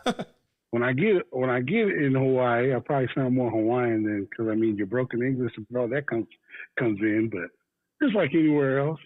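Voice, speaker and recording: At medium pitch and normal speed, a laid-back guest from the American Midwest makes casual conversation. He leans on fillers and chuckles, and the call comes through a tinny, dry phone line.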